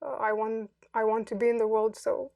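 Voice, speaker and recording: A woman in her thirties from Romania, giving reflective interview answers in a thoughtful, hesitant way with many pauses. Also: on the high side, level tone, vocal fry, a little mellow, no room sound, recorded from a distance. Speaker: podcast guest.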